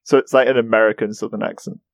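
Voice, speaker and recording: A man's voice: fairly low pitch, fairly even intonation, fast talker, no room sound. A man co-hosting a podcast in casual chat, enthusiastic and laughing often. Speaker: podcast co-host.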